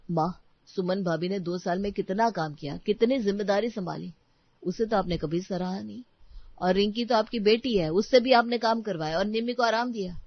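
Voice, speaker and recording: A woman voicing a grown son who lectures his mother in a lower voice. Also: normal speed, no room sound, highs cut off, lightly acted. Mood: lecturing.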